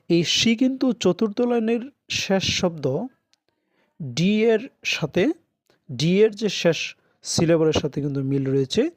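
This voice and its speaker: A man teaching an English lesson, reading English lines slowly and translating them into Bengali. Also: high-pitched, no room sound. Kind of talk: recorded lesson.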